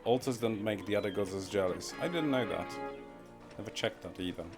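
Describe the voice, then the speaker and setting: A man with a fairly low voice talks a little quickly, casually commenting while he plays a game on a live stream. He rambles, mutters to himself, and chuckles at his own wordplay, with background music running under his voice.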